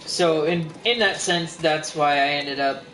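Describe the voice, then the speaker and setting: A man's voice: a little high, measured pace, pushed and bright. A man streaming a video game, bantering casually, joking and swearing offhandedly. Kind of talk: casual banter while gaming. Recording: echoey room with faint noise.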